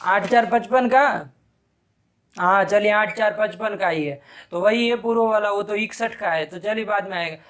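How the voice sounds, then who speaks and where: His voice sits high with a fairly bright tone as this man leads a live class on Sanskrit grammar. He quizzes students at a brisk pace and scolds them sharply whenever they get it wrong.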